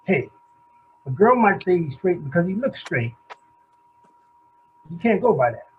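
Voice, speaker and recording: A man's voice: high-pitched, sing-song, a little slow, phone-quality sound, a little hiss or hum. An actor playing Howard, a crude, blustering middle-aged man, in a stage play reading. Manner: brash, loud, crude.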